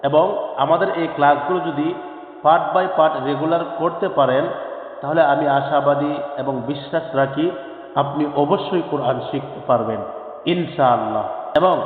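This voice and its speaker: A man from Bangladesh teaching a Quran reading lesson, drawing out and singing each letter name twice. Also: a little high. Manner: slowly drawn-out, sung letter names repeated twice. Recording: phone-like audio with long echoey reverb.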